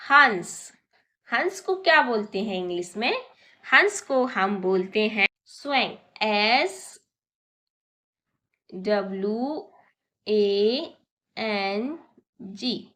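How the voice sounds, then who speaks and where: A woman teaching a primary school workbook lesson. Her voice is high and bright, and she talks slowly and patiently. She spells words out letter by letter. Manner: reads English instructions slowly, then explains them in Hindi. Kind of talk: workbook lesson explained in Hindi mixed with English.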